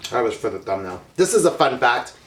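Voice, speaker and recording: A man's voice: mid-range voice, big pitch swings, a little fast. A young man in his twenties chats casually to the camera while he eats. He sounds playful and talkative, with a mid-range voice. The room around him gives a noticeable echo. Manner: chatty and playful, talks with his mouth full. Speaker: vlog host. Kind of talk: casual mukbang vlog, talking while eating. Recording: roomy echo.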